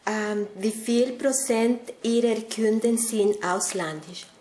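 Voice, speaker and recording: Slow, hesitant woman from Costa Rica. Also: a little high, warm tone. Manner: hesitant, careful, many fillers. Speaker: interviewer, language learner. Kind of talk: interview questions. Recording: echoey room with faint noise.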